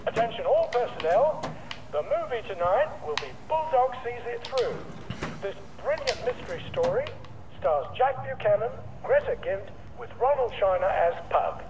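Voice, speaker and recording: An actor playing a stiff military base announcer, heard over a loudspeaker with a formal, clipped delivery. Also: male voice, extremely high pitch, lively intonation, normal speed, noisy background. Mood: announcing.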